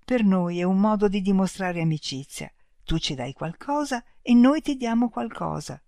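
A reader voicing two kind, dying alien beings who speak slowly and gently in an audiobook. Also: mid-range voice, animated, dry recording, clean studio sound, lightly acted. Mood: sad. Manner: slow, gentle, speaking in unison. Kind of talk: audiobook reading.

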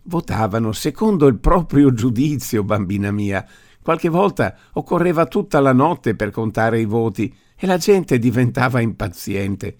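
A man voicing a stubborn old grandfather in an audiobook reading, speaking forcefully and with indignation. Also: mid-range voice, expressive, measured pace. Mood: explaining. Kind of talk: audiobook character voice.

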